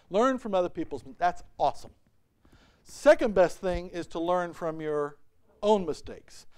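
Lively, resonant-voiced man preaching. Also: a little high. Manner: animated preaching with rhetorical questions and gestures. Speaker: pastor. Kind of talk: sermon. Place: church sanctuary, at a pulpit by a whiteboard.

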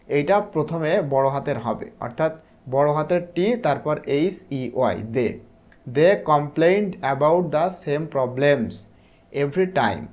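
A male English teacher with a Bangladeshi Bengali accent, explaining a textbook lesson step by step. He reads the English lines slowly and answers his own questions. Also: a little high, a little mellow.

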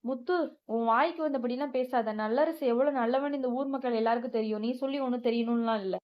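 Hot-tempered villager, played by a lady narrator, rapid and threatening, a bit dull sounding. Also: a little high, lightly acted. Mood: angry. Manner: angry, threatening. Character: fiery villager defending the accused man.

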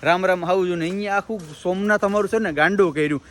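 A man's voice: high-pitched, fast, a bit bright. A man, hosting a casual family vlog outdoors, chatty and joking as he talks to the viewers as family. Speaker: vlogger host. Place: outdoors at a temple and village homes.

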